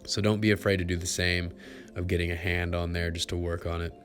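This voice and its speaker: A man giving follow-along foam rolling instructions in a relaxed, encouraging coaching manner. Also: low voice, brisk. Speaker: fitness instructor. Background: faint background music.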